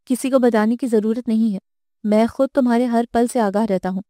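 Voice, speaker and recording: Smug, menacing husband, read by a woman in her own mellow voice. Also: fairly high pitch, no room sound, clean studio sound, lightly acted. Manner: smug, threatening. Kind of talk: audiobook character voice.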